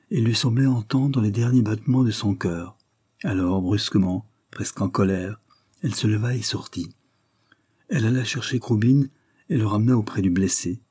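A man reading a novel aloud in measured, solemn narration. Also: lowish voice, mellow, breathy edge, dry recording, clean studio sound. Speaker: audiobook reader. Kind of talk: scripted narration.

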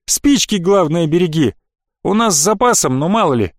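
A blunt, practical teenage boy speaks curtly, as a man voices him. He snaps and yells when angered. The audiobook sound is dry and close. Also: sits high, lively intonation, moderate pace, no echo. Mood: bossy. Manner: blunt, shouting when angry. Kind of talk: audiobook character voice.

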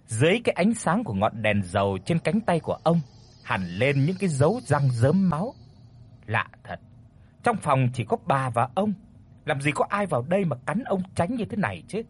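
A man tells a scripted horror story with dramatic expression. His voice is husky, and his pitch moves lively through every sentence. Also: normal speed.

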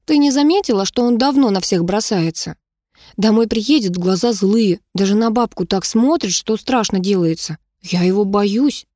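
A sharp, bitter teenage girl, as a woman reading a story puts her on speaks with mocking scorn and a lifted pitch. The recording is dry and close, with no room sound. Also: normal speed, no room sound, natural voice. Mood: scornful.

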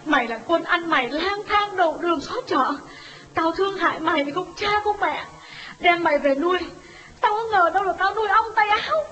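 A woman's voice: very high-pitched, expressive, a little fast, a bit bright. A woman voicing a betrayed village wife near thirty, who screams insults and wails through tears in a told story. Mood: furious, sobbing. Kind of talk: audiobook drama voice.

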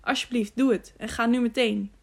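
A woman's voice: fairly high pitch, steady tone, normal speed, vocal fry. A woman gives voice to a young noble squire hiding in the woods, earnest and pleading. The voice is sincere and careful, as read in a storybook. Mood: urgent.

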